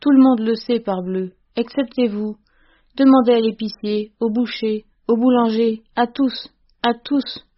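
A fierce old servant woman scolds loudly, domineering and stubborn, as a woman reader puts her on. Her voice pushes higher and louder than the reader's own, with a middling pitch underneath. The storybook recording sounds dull and lo-fi. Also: fairly even intonation, normal speed, natural voice. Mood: furious. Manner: loud, scolding outbursts.

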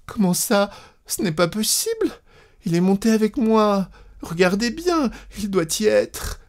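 Man playing frightened, tearful young bride; high, pleading, slow. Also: a little mellow.

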